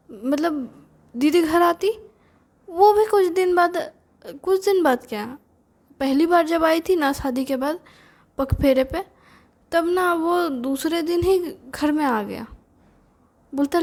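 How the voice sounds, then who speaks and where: Woman chatting through a story like she's telling a friend, slow and easy, lots of umms. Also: very high-pitched, a little mellow. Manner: chatty, confiding, with many fillers. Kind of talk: casual first-person storytelling.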